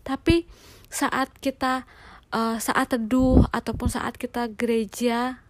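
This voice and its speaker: A young adult woman giving a casual, earnest devotional talk, sometimes sinking to a soft near-whisper. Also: on the high side, flat delivery, takes it slowly, no room sound. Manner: warm, earnest, drops to soft near-whispers on heartfelt lines. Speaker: devotional speaker.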